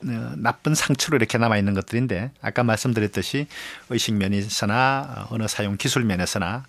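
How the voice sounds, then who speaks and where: A man speaking as an expert guest on radio, explaining at length in a measured way with many pauses and fillers. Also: fairly low pitch, creaky, a bit bright, no room sound.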